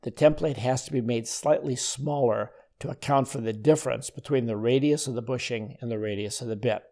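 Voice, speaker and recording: An older man narrates in a calm, methodical way, as if walking a student through each step. His voice is mellow and relaxed, with a middle pitch. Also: brisk. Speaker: woodworking instructor. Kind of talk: scripted voice-over narration.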